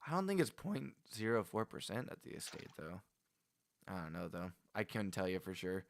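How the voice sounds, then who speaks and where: Here a game streamer with a low, gravelly voice talks at a moderate pace but very animatedly, rambling to his viewers as he plays. He laughs and restarts frequently and speaks to viewers by name, in a dry recording.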